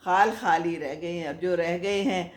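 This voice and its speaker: A woman's voice: fairly low pitch, steady tone. An older woman hosting a casual advice talk, answering viewer comments in a chatty, motherly, moralizing way and laughing often. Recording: echoey room.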